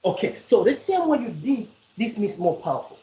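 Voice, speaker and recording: A woman's voice: mid-range voice, very animated, brisk, warm tone, echoey room, lo-fi sound. A South African woman tutoring a student in maths one on one, repeating points and quizzing the student as she explains. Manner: repetitive, coaxing, quizzes the student.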